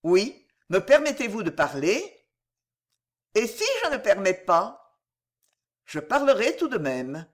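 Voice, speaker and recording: A woman reading aloud and voicing a frank young gentleman who is courteous yet blunt, in a storybook reading. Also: medium pitch, sing-song, takes it slowly, pauses often. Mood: earnest.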